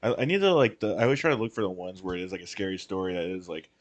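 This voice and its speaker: A man's voice: sits low, animated, very fast, no room sound. A man co-hosting a podcast, chatting casually in a rambling way, full of fillers and swearing. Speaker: podcast co-host. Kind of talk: casual chat.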